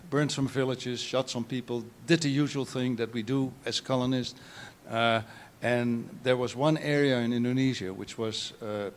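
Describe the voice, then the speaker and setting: An older man from the Netherlands with a Dutch accent, speaking at a panel talk in a meandering way, restarting phrases and clearing his throat. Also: mid-range voice, steady tone, normal speed, few pauses. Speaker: photographer, guest artist.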